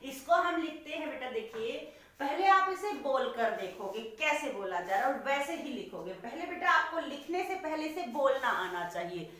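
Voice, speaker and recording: A woman teaching young children in a classroom lesson, slow and patient. She repeats each question and answers it herself. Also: high voice, expressive, fairly bright tone. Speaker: primary school teacher. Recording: very echoey room, voice from far off.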